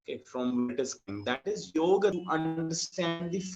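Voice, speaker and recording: A man's voice: on the high side, darkish tone. Patient male teacher on a dull video call. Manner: patient, explains slowly with many checks for understanding. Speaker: yoga teacher. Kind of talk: online class explanation. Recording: dull lo-fi video call audio with faint music.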